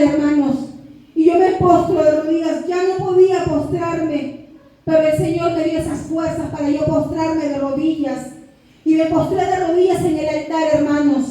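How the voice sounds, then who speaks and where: Woman, fervent church testimony, high voice, mellow tone, very echoey hall, distant from the mic. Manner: fervent, repeatedly addresses the congregation. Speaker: church member giving testimony. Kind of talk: emotional religious testimony.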